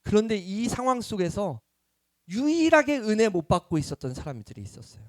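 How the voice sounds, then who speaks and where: A middle-aged man, a pastor preaching a Sunday sermon, lively and questioning the congregation. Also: sits high, a little fast, dry recording, studio quality.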